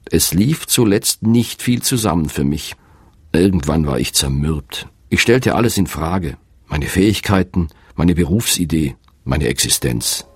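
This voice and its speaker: A man's voice: very deep voice, animated, measured pace, husky, no echo, studio quality. A middle-aged man, an author, narrating in a candid, reflective and self-deprecating way. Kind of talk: scripted narration.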